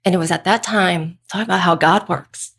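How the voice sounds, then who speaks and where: A woman's voice: on the low side, fairly even intonation, moderate pace, creaky, fairly bright tone. A woman guest on a faith podcast, telling her story in a candid, earnest way. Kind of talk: interview about faith and marriage. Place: podcast studio.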